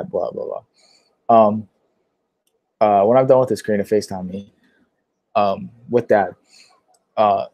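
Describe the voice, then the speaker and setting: A man's voice: lowish voice, warm tone, no echo. A young man from Pennsylvania chatting casually on a livestream, answering viewer questions with lots of fillers and a sore throat. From Pittsburgh, Pennsylvania. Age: young adult. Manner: rambling, many fillers.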